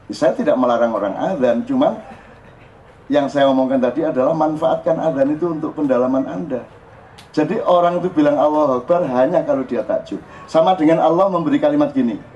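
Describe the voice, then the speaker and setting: An older East Javanese man preaches loosely to a gathering in a fairly high voice, teasing his listeners and acting out exclamations. The live outdoor recording is dull, with a faint hiss underneath. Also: fairly quick, darkish tone. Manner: playful, teasing, laughs often, acts out exclamations. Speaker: preacher leading a public religious gathering. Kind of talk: informal sermon mixing Indonesian and Javanese.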